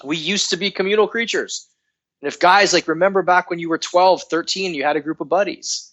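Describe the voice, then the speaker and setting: A man who is a coach and author, speaking as a podcast guest in an earnest, animated coaching tone. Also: sits high, fairly quick, poor audio. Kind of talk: casual podcast interview.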